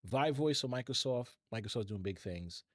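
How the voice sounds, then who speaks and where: A man's voice: mid-range voice, animated, moderate pace, no room sound, clean studio sound. A middle-aged man hosting a live tech stream, chatting casually and rambling as he talks straight to his viewers. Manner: chatty and rambling, addresses chat directly.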